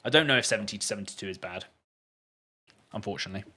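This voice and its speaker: A man's voice: on the low side, racing, bright, forceful tone, breathy edge. A man chatting casually on a live stream, reading out and answering viewer questions. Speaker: gaming streamer.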